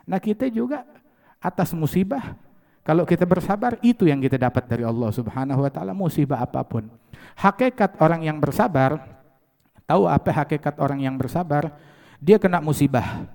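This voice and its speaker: A male preacher delivers a sermon in a gravelly, mellow voice that sits a little high. He tells stories through quoted dialogue, recites Arabic verses, and swells to loud emphasis. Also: animated, moderate pace, big-room sound.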